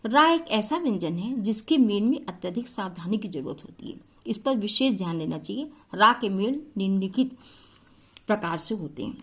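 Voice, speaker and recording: A woman's voice: mid-range voice, lively intonation, moderate pace, a bit bright, husky. A woman teacher explaining a school grammar lesson step by step to her pupils.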